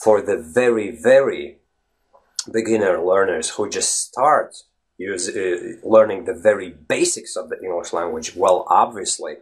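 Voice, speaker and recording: This casual solo vlog comes from a Latvian host whose first language is Latvian; his voice is lower and unhurried. He addresses the audience directly and emphatically, often checking in with "right?"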